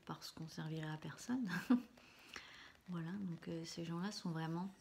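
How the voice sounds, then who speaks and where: Female ASMR host, breathy whispered vlog talk, slightly low, unhurried pauses, plain camera sound with some noise. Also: a little mellow. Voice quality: breathy whisper, mostly unvoiced. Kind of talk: soft whispered casual vlog. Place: small room at home, indoors. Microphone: camera close in front, no external microphone. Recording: faint hiss and clicks, no studio microphone.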